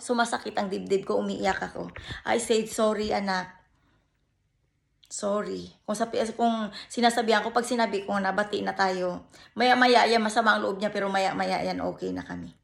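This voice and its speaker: A middle-aged Filipina woman from the Philippines records an emotional personal vlog in a pleading tone, calling her viewers "guys." Her medium-pitched, creaky voice runs a little fast as she switches between Tagalog and English with a Filipino accent.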